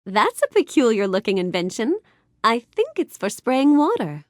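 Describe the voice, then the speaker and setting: A woman's voice: a little high, sing-song, moderate pace, no room sound, clean studio sound. A woman voicing a gracious, bookish young storybook heroine in a video game, speaking politely and expressively with careful enunciation. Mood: friendly curiosity. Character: Belle, gracious bookish young storybook princess, kind and eager. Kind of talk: scripted video game character lines.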